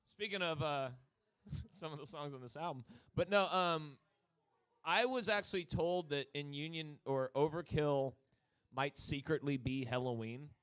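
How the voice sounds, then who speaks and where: A man's voice: a little high, measured pace, fairly bright tone, clear, resonant tone. A man with a New Jersey accent, co-hosting a casual chat about metal albums and rambling through jokes and side stories. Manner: rambling, joking, with exaggerated quoted voices. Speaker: podcast co-host.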